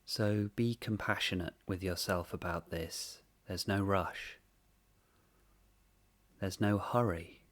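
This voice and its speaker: Speaking gently and taking his time, a man leads a guided meditation in short phrases broken by long pauses. His voice sits low.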